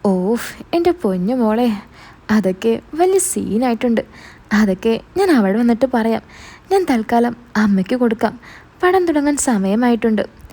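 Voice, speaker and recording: A woman's voice: a little high, big pitch swings, normal speed, warm tone. A woman voicing a scheming young man who bosses his sister and dodges his mother, talking in a casual, teasing way. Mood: bossy. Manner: casual, bossy, teasing talk.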